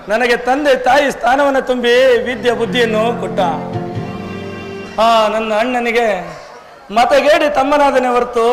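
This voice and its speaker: A sorrowful young outcast man, played by a male actor, pours out his grief in a very high, slow, theatrical stage delivery. The recording is from a live village drama, with music playing clearly behind the voice. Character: grieving young man cast out by his family.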